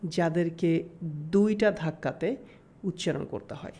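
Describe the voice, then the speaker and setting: A woman's voice: sits low, dark tone, breathy edge. Woman teaching grammar, sounding out words. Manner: explains step by step, mixing in English terms; slows down to sound out example words. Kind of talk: recorded grammar lesson.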